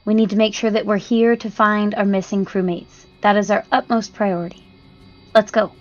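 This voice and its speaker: A woman's voice: medium pitch, flat delivery, moderate pace, muffled recording, close to an everyday voice. A woman playing a stern female crew leader who gives orders in a firm, formal way.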